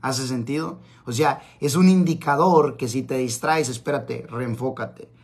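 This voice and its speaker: A man's voice: mid-range voice, a little slow, slightly rough. A man giving a live-streamed motivational talk, emphatic and repeating his key phrases. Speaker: motivational speaker. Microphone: camera mic on live stream.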